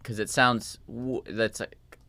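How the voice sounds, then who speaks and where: A man's voice: fairly low pitch, steady tone, slow, creaky, no echo. A man casually walking through his own mix in a tutorial, thinking aloud in a loose, rambling way. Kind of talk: casual screen-share tutorial. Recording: voice over loud music playback.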